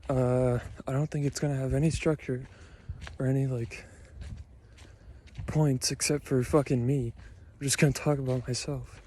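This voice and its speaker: A man's voice: mid-range voice, level tone, moderate pace, mellow, slight background noise. A young man with a Minnesotan accent, rambling and swearing casually as he vlogs from a cold park. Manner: rambling, swears a lot, filler-heavy, self-deprecating. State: tired. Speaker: vlogger.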